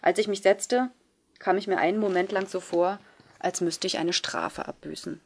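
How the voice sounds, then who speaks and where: A woman reading a first-person novel aloud in a measured, subdued way. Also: on the low side, vocal fry. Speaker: audiobook reader. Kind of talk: scripted first-person narration.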